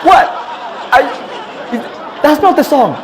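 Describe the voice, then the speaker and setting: Laughing Kenyan comedy host, lively pitch. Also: male voice, very slow, a crowd in the background, noisy background. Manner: mocking, laughing, incredulous. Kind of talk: satirical commentary.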